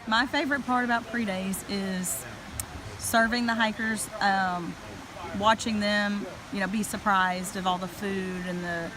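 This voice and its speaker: A teenage woman talks warmly and excitedly in a casual interview, with a mid-range voice. Steady background noise runs through the recording. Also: mid-range voice, measured pace. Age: teens.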